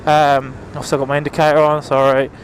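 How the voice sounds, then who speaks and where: Riding on the road, a male vlogger chats loosely and apologetically to viewers, lifting his voice over the motorbike's engine. He's a little high and brisk, with a level tone. The audio is poor, coming from a helmet microphone with the visor open amid engine, wind, and traffic noise.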